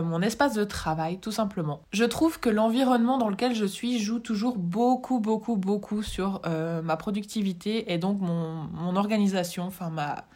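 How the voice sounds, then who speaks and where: A woman's voice: medium pitch, darkish tone. Chatty French woman giving tips. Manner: chatty, many fillers and restarts, addresses viewer directly. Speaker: vlogger giving organization tips. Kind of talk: casual advice talk to camera.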